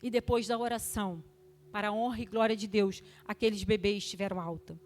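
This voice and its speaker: An older woman giving an emotional testimony at a church service, fervent, moving between loud exhortation and hushed tones. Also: mid-range voice, fairly even intonation, fairly quick.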